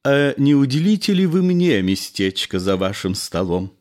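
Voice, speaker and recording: A man's voice: mid-range voice, very animated, moderate pace, a little mellow, voice pushed up, natural voice. A man voicing a theatrical, sentimental old actor who declaims his memories.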